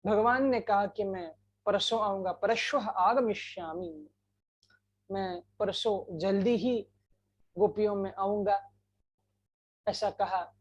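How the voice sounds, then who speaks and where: A woman narrating a devotional scripture story in an unhurried way, breaking into sung verses. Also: mid-range voice, slightly rough, highs cut off. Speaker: katha storyteller.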